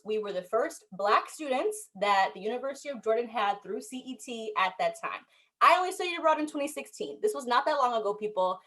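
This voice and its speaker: A young American woman speaks on a discussion panel, her voice sitting at a middle pitch. She tells her story with animated emphasis, often rising in pitch and volume as she presses a point. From United States.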